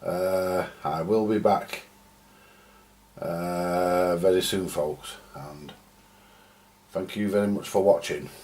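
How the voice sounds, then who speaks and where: Speaking slowly with long pauses, this man has a deep, darkish voice. He's the host of a radio repair video, working at a home workbench and offering loose, rambling commentary to viewers as he thinks out loud. Background noise and clicks sit behind an otherwise clear recording.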